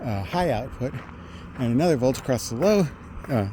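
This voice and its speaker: Bright-voiced man thinking aloud while walking. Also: medium pitch, lively intonation, moderate pace. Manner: talking while walking along a road. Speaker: vlogger. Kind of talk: thinking aloud, technical monologue. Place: outdoors on a residential roadside. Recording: outdoor street noise, passing vehicles.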